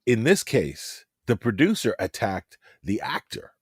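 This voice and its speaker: A man co-hosting a podcast with a husky voice, making firm, pointed arguments. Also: lowish voice, huge pitch swings, unhurried, dry recording, studio quality. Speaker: podcast co-host. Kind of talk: casual debate and show narration.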